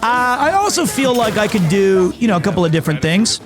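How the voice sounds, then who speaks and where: Male game streamer, lively and high-voiced, casual and playful, performative chat. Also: fairly quick, music in the background. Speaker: streamer and voice actor.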